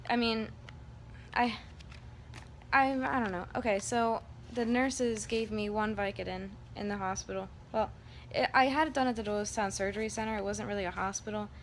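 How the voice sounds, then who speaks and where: Flat-toned woman in a casual vlog. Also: mid-range voice, moderate pace. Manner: rambling, candid. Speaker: vlogger. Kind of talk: casual personal vlog, recounting her surgery. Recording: background room noise.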